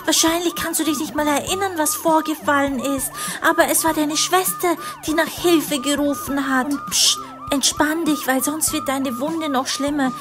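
A woman voicing a doting, worried mother in a kids' animated story. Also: sits high, moderate pace, over music. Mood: fretful. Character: fussy caring mother.

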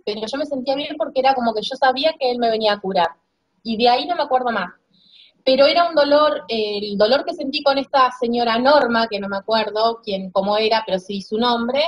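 A woman's voice: a little high, dull audio. A woman recounting a vivid dream in a casual, hesitant way, restarting her phrases. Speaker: client's wife recounting a dream. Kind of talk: casual storytelling.

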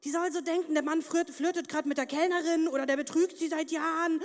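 Young woman comic, high-pitched and brash, crude stand-up in a reverberant hall. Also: steady tone, fast talker. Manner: brash, crude punchlines, acts out voices. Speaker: stand-up comedian. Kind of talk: stand-up comedy set. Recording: long reverb of a studio hall.

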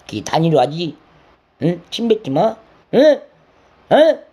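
A man's voice: high-pitched, very animated, unhurried, dark tone. An older man rambling through a scolding monologue, pressing his listener with constant questions and coarse words. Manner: lecturing, nagging tag questions, coarse words; slips into sung lines and acted quotes. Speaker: elder lecturing a listener.

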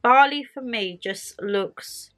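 With soft music in the background, an English vlogger in her bedroom talks casually and animatedly to camera while getting over a cold. She has a fairly high, fairly bright voice and speaks slowly.

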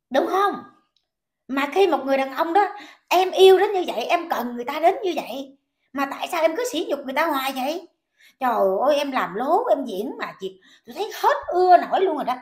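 A high-pitched woman with a Southern Vietnamese accent rants in a commentary vlog. Her tone is indignant and scolding, and she keeps firing off repeated questions.

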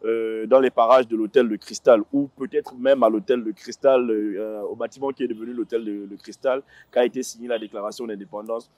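On an outdoor panel set in a city square, a thirties-aged male guest talks in a low-leaning, darkish voice free of echo. His lapel-miked remarks are full of fillers and false starts.

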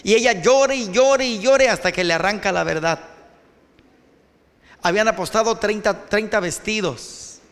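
Animated Mexican pastor preaching to students, high voice, big echoing auditorium. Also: male voice, normal speed. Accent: Mexican Spanish. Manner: animated, addresses students directly. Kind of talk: sermon.

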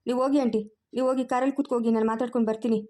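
A woman playing a calm, firm young woman who reasons and reassures in a family drama. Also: fairly high pitch, rapid-fire, lightly acted.

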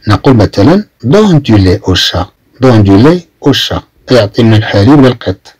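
Moroccan man, teacher, husky low voice with an animated lilt, repeats phrases patiently, dry close mic. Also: no echo. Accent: Moroccan Arabic. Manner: repeats each phrase slowly, then translates it. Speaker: French teacher. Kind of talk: explaining vocabulary in a lesson.

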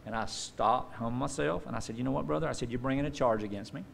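This pastor in his forties talks fast in a creaky, mid-range voice. Standing at a lectern on a church stage backed by a dark curtain, he delivers a sermon full of lively stories, performing the voices of the people he quotes into a stand mic.

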